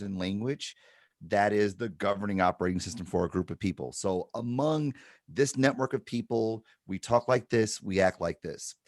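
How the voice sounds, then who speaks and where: A man's voice: on the low side, no echo, studio quality. A middle-aged man from Detroit, speaking on a panel about advertising in a reflective way and checking in with "right?". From Detroit, Michigan. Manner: reflective, explains with repeated "right?". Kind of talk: panel discussion.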